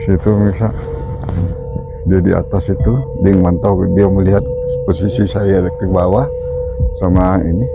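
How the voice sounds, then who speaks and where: A man presenting a night paranormal vlog in short, halting phrases addressed to viewers. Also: low-pitched, level tone. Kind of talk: night ghost-hunt vlog commentary. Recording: dull lo-fi audio, loud eerie music. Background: loud music with singing-bowl tones.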